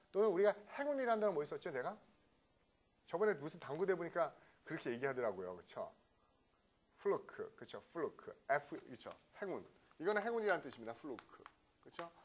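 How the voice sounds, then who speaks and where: A middle-aged man from South Korea teaches English vocabulary in a brisk classroom lecture. His fairly high voice rises and falls a great deal as he keeps checking in with his students.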